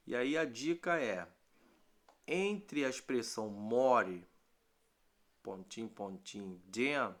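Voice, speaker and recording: Gravelly Brazilian man teaching grammar. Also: lowish voice, a bit bright. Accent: Brazilian Portuguese. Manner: patient, repeats points and checks with "ok?"; slows down to spell out English terms. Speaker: English teacher. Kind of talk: recorded online grammar lesson.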